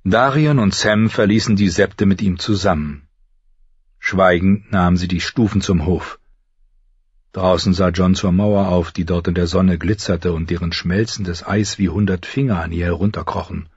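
A man reading an audiobook in a low, measured narrating voice, close to the mic. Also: steady tone, breathy edge, dry recording. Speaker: audiobook reader. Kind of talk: scripted narration. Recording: slightly dull recording.

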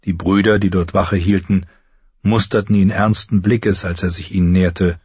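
Low, husky male audiobook narrator. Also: steady tone, normal speed, darkish tone, no echo, muffled recording. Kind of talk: scripted narration.

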